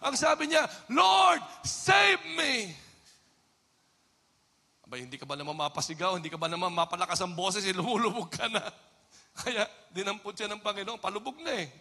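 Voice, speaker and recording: Filipino pastor preaching in a hall. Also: male voice, sits high, fast. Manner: switches between hushed and shouted passages. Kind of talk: sermon. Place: church hall. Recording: long hall reverb.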